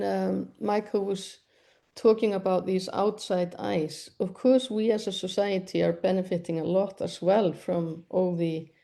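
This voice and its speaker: A woman moderates a webinar panel in a mellow voice with a gravelly edge to it. She keeps the talk moving in a gentle way and puts open questions to the panelists. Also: mid-range voice.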